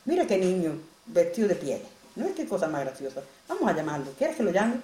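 A woman's voice: on the low side, very animated, fairly quick, warm tone, reverberant, slight background noise. A woman voicing an eager young prince in a folk tale, calling to his mother. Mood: delighted.

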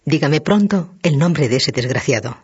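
A stern, commanding judge questions the accused, as a man reads his lines. The voice is hard and husky. The recording is dull and lo-fi. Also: a little high, lively intonation, normal speed.

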